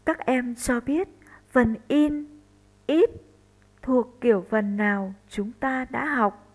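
Very slow woman teacher, first-grade lesson. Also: on the high side, rough recording. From northern Vietnam. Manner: slow, deliberate, spells out sounds in a clear teaching voice. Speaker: primary school teacher.

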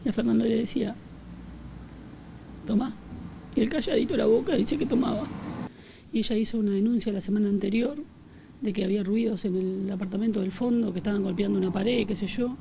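A woman with an Argentine Rioplatense accent, recounting a family tragedy in an interview, with halting speech and many fillers. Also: medium pitch, fairly even intonation, creaky, noisy background. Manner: halting, filler-heavy retelling. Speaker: victim's relative giving testimony.

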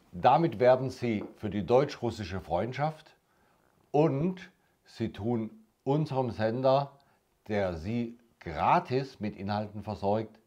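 A man in his sixties hosting a political programme, addressing viewers with deliberate, drawn-out emphasis. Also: fairly low pitch, warm tone. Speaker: host. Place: indoor studio set.

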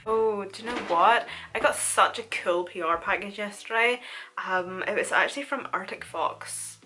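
A woman's voice: medium pitch, moderate pace, faint music behind. A woman chats informally and animatedly through a casual makeup tutorial. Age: 20s. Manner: informal, chatty, animated storytelling. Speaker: beauty vlogger. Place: small room at home, indoors.

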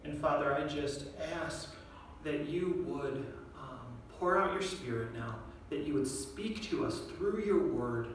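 A young man, a guest speaker, preaches a sermon in an earnest, direct manner, putting questions to the congregation. His voice is on the high side and a bit slow. A podium microphone picks him up from far back in an echoey church sanctuary, with slight background noise.

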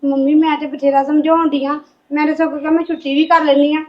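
A woman acting as a young daughter-in-law who speaks softly and tries to soothe the family. Her voice is high. She sounds a little distant and dull, as if she is off the mic. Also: flat delivery, quick pace, close to an everyday voice. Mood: placating. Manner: soft, placating. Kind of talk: Punjabi family drama acting.

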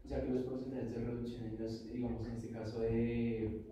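A man's voice: medium pitch, monotone, moderate pace, mellow, slight background noise. A young man interviewing a business owner, speaking hesitantly with many fillers in an office meeting room. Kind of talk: interview questions. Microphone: far camera. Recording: echoey room from far off.

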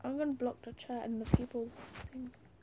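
A woman's voice: on the high side, steady tone, moderate pace. A young girl rambling through casual gameplay commentary, full of "like" and "um", over faint background noise. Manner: rambling, many fillers. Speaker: let's play host.

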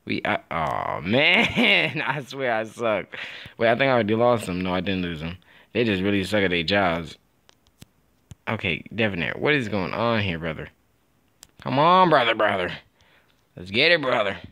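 Young man, gravelly voice, lively swings in pitch, slangy excitable gameplay commentary. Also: moderate pace. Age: young adult. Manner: excitable, trash-talking, laughing, slangy. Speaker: gaming YouTuber.

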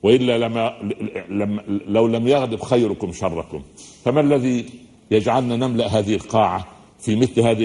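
A man with an Egyptian accent giving a religious lecture in a hall, talking fast and mixing formal and everyday speech as he asks the audience questions. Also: lowish voice, darkish tone. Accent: Egyptian Arabic. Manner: fast-talking, says listeners are used to his speed.

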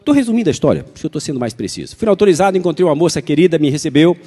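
A Brazilian pastor tells a story from the pulpit, quick and animated, acting out each exchange. His voice is mellow and dark. A long reverb fills the church hall around him. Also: on the high side, breathy edge. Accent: Brazilian Portuguese. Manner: animated, acts out dialogue. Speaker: pastor and physician. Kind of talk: sermon storytelling.

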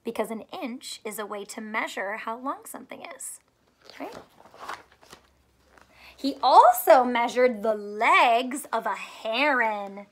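Taking it slowly with lively intonation, a woman in her thirties reads a picture book to young children in a small furnished room at home, explaining things simply and asking them questions. Her voice is slightly high and fairly bright, and there's a little hiss or hum.

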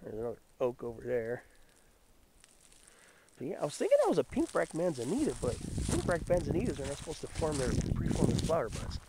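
A nature vlogger from Southern California, recovering from a head cold that makes his voice deeper and raspier than normal, strolls through a mountain forest before dawn. He names plants in a musing, relaxed way as casual walking commentary, talking fairly quickly. The outdoor camera audio is rough and picks up background noise.

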